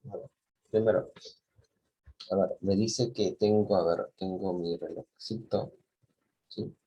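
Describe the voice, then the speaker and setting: Slow and steady, a man with a deep, mellow, husky voice leads students through a clock-angle math problem, captured with lo-fi sound. He's patient, restarts phrases, and regularly asks "¿sí?" and "¿de acuerdo?" to confirm they're following.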